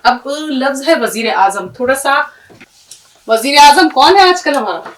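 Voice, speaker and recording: A woman teaching script, spelling out words letter by letter in a patient, slow way. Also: high-pitched, expressive, distant mic. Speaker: Urdu teacher. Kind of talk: spelling lesson, writing on screen.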